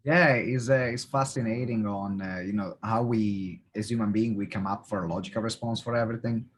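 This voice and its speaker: A man's voice: on the low side, fairly even intonation, a little fast, a little hiss or hum. A man whose first language is not English, hosting a podcast interview with curious, hesitant questions full of fillers. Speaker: podcast host.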